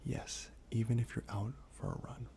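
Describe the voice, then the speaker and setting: A man speaking in a soft, breathy half-whisper, gently reading trivia aloud in an ASMR style while chewing gum. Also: medium pitch, level tone, normal speed, a little hiss or hum. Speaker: ASMR host.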